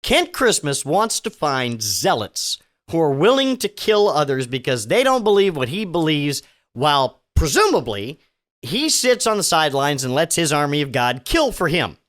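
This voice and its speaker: Sarcastic, animated male podcast host. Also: a little high, normal speed. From Virginia. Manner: sarcastic, profane, stumbling restarts. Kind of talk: sardonic news commentary podcast. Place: home studio.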